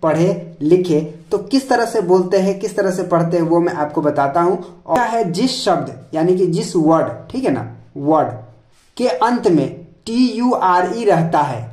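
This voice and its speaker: Male teacher, video lesson, mellow voice, spells letter by letter, echoey room. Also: high-pitched, animated, measured pace. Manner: repeats each word as a question and answer; checks in often with a filler tag. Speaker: online English teacher. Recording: roomy echo.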